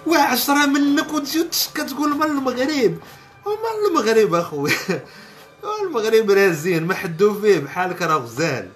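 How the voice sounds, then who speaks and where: A man's voice: high voice, huge pitch swings, brisk, fairly bright tone, faint music behind. A man with a Moroccan Arabic accent hosting a podcast, ranting in a sarcastic, mocking comedic way. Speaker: podcast host. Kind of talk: comedic rant commentary.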